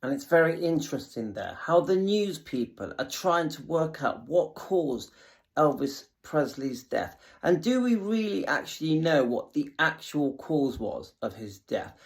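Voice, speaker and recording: A man's voice: a little high, big pitch swings, a little slow, creaky. A man hosting and giving casual, reflective commentary on archive footage.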